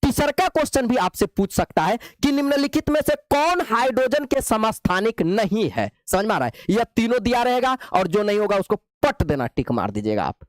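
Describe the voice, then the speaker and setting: A man's voice: high voice, sing-song, a little fast, hardly any pauses, dry recording. A male chemistry teacher, lecturing playfully and coaxing his students with repeated questions. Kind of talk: classroom lecture.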